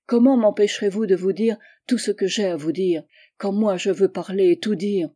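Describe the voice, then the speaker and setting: A woman's voice: mid-range voice, moderate pace, close to an everyday voice. A woman reading as an insistent young lover. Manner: forceful, pressing. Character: insistent passionate young man declaring love. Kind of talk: audiobook reading of a novel.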